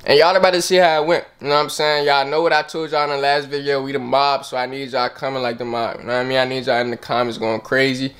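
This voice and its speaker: A man's voice: mid-range voice, level tone, fast, few pauses, fairly bright tone, smooth. A young man hosting a prank vlog, talking in a slangy, laid-back, teasing way. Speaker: prankster vlogger. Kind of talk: casual vlog talk. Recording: noisy car interior.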